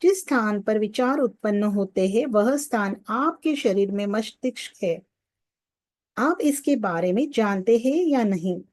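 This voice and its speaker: A woman narrating a spiritual audiobook in a steady, even reading voice, recorded close to the mic in a studio booth. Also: medium pitch, no echo.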